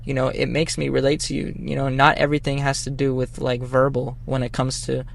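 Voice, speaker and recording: A man's voice: medium pitch, monotone, fairly quick, gravelly, slight background noise. A man from Boston, a musician guest on a casual podcast, talking earnestly and rambling, his voice cracking now and then, recorded outdoors on a shirt lapel mic. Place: outdoors at dusk.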